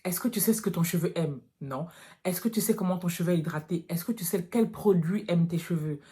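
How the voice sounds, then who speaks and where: Speaking fairly quickly in a mellow, fairly low voice, a natural hair vlogger from France, in her thirties, talks to her viewers in relaxed vlog style. She is direct and frank, calling them girls.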